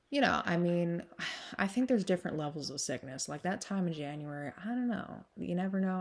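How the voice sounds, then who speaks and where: Talking loosely to her followers, this low-voiced vlogger sounds smoky and a bit hoarse, her sinuses still stuffed from a cold she's getting over. Her chat meanders, full of fillers and frequent laughter.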